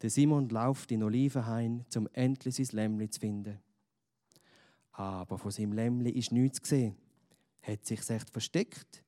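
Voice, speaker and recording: Slow, mellow-voiced man, narrating a children's tale. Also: lowish voice. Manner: slow, gentle storytelling with questions. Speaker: storyteller.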